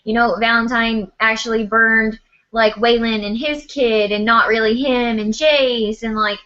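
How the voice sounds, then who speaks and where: An animated young woman with a fairly high voice rambles through her thoughts on a book, filling her talk with "like". She is co-hosting a casual livestream. The call audio is dull and muffled. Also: measured pace. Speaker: book club co-host.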